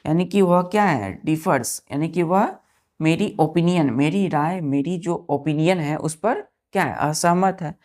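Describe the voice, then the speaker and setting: A woman teaching English vocabulary to exam students. She explains each word slowly and twice, and keeps asking the students questions. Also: deep voice, darkish tone. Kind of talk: classroom lesson for exam students.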